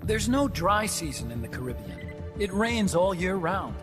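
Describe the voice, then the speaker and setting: In a game cutscene with score music behind him, an actor voices an eager, talkative young male engineer and scientist prone to long explanations. His voice sits high and swings widely in pitch at a normal pace.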